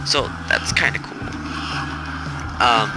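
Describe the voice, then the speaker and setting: Stressed young guy narrating gameplay over music. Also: slow pace. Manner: flat, robotic-sounding delivery; rambling, self-correcting. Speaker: gaming channel host. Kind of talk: casual gameplay commentary. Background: game music.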